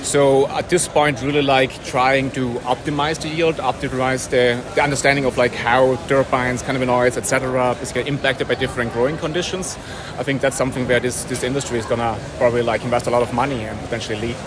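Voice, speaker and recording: A man's voice: medium pitch, little pitch movement. A man giving casual interview answers at a conference event, often rephrasing as he goes. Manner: halting, rephrasing, frequent "like". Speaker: company representative interviewee. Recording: busy crowd behind. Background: crowd.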